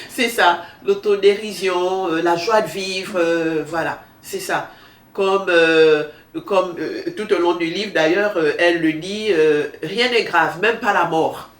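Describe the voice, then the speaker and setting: Female book-show host, thin reedy nasal tone, halting and repetitive, recorded in an echoey room away from the mic. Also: fairly low pitch. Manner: halting, repeats phrases for emphasis. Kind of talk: unscripted book discussion. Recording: roomy echo, distant mic, faint noise.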